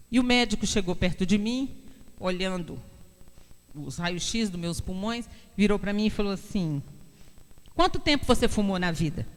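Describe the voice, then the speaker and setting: A woman giving an emotional testimony at a church service, acting out the people in her story. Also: mid-range voice. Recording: echoey hall, long reverb.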